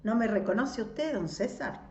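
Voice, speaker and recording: A woman's voice: a little high, animated, normal speed, a little mellow, roomy sound, muffled recording, voice pushed up. A woman reading aloud, voicing an ironic and arrogant man who has come back home as a godson. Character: proud middle-aged ironic man, a returning godson.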